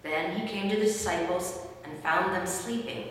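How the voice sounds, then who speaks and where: Low-voiced woman narrating in an echoey hall. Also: moderate pace, fairly bright tone. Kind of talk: scripted scripture narration. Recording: very echoey hall, distant mic, faint noise.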